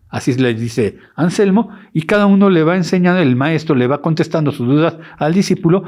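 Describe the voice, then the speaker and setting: Male lecturer, somewhat high voice, animated delivery, self-correcting as he explains. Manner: animated, often stops to correct himself. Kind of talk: educational lecture.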